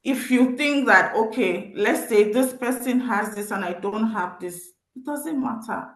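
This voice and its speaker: In a poor, echoey recording from an event venue, a woman with a Nigerian accent speaks in a fairly high, slightly bright voice at a slightly slow pace. She is a social worker giving teenagers an earnest, encouraging motivational talk, repeating phrases for emphasis.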